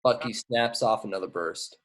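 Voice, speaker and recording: A man with a lowish voice, speaking at a moderate pace, handles the stage directions at an amateur table read. Reading the action descriptions, he now and then stumbles and repeats himself.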